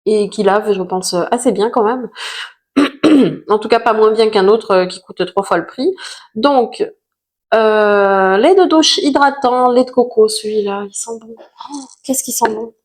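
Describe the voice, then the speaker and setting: A woman's voice: on the high side, measured pace. A woman chatting casually to camera about used-up products, self-mocking, with lots of fillers. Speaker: vlogger reviewing finished products.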